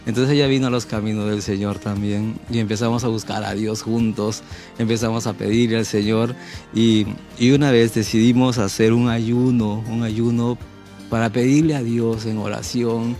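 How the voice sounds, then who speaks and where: Peruvian guy telling his faith story, gravelly voice, earnest, faint music underneath. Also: lowish voice, flat delivery, moderate pace, warm tone. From Peru. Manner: earnest, emotional storytelling, reenacts his prayers. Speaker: guest sharing testimony.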